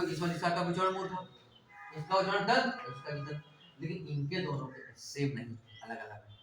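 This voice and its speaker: A man's voice: high-pitched, a bit bright, recorded from a distance, slight background noise. A man teaching a class, explaining step by step and asking questions that he answers himself. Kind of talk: classroom lecture. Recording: echoey room, voice off-mic.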